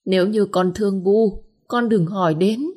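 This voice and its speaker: A woman's voice: mid-range voice, fairly even intonation, moderate pace, warm tone, pitched above the performer's own voice, natural voice. A woman voicing a weary middle-aged mother who comforts her daughter, in a storybook reading. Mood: bitter. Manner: comforting, turns hard when bitter. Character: weary middle-aged single mother, stern but loving.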